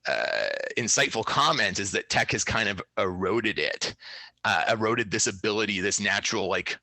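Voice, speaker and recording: A man's voice: fairly low pitch, expressive, moderate pace, pushed and bright, no room sound. A man in his thirties, a startup founder talking casually in an interview, thoughtful and loose with many fillers and restarts.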